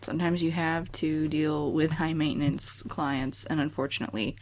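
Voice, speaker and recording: A woman's voice: deep voice, fairly even intonation, normal speed, darkish tone, slight background noise. A woman hosting a let's play, giving casual gameplay commentary with sarcastic, chatty asides to the game.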